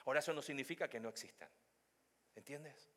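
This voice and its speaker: A man preaching a sermon as pastor, moving between quiet, low reflection and loud, high emphasis, and putting questions straight to his listeners. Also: fairly quick, slight background noise. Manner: addresses listeners directly with questions. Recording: long hall reverb.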